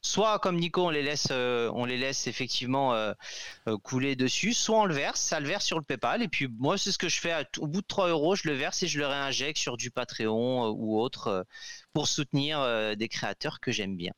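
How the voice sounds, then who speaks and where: A man's voice: medium pitch, animated, fairly quick, a bit bright, smooth, no echo. French man explaining a tip, dry sound. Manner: explanatory, hesitant fillers. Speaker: podcast co-host. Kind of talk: casual tech podcast chat.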